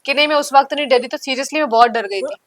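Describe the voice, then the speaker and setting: Brief: higher-pitched woman guest, animated storyteller, dry close sound. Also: fast talker, no echo. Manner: vivid storytelling, acting out her own past lines. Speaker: guest singer. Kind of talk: podcast storytelling.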